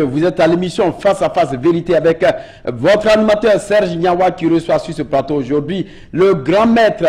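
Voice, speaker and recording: A man's voice: high-pitched, darkish tone, breathy edge. A man hosting a TV interview, breaking in with brief acknowledgments and questions. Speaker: TV host.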